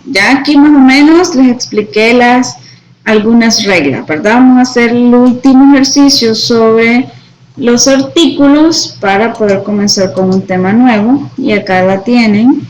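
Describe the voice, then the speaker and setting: A woman teaching an English grammar lesson, explaining each example slowly in both Spanish and English and checking with her students as she goes. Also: a little high, rough recording. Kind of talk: bilingual classroom grammar lesson.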